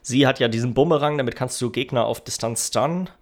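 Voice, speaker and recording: Man, mid-range pitch, casual podcast chat, colloquial wording, thinking aloud. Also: fast. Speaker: podcast co-host.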